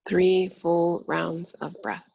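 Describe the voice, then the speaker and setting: A woman yoga instructor giving gentle, soothing, unhurried cues in a soft, breathy, husky voice. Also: on the low side, level tone, no room sound, lo-fi sound. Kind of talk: guided yin yoga instruction.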